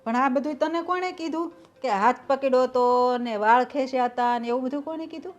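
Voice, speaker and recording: A woman's voice: sits high, a little fast, lo-fi sound, faint music behind, lightly acted. Woman playing a scornful mother-in-law. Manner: scornful, argumentative. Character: older mother-in-law, defensive and sharp-tongued. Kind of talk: family drama acting.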